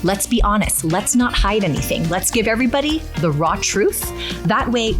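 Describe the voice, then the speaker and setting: A woman in her thirties speaks with earnest, upbeat energy and laughs easily. Her voice sits a little low for a woman. Clear music plays under her words. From Hawaii. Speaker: county council member. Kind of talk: interview conversation.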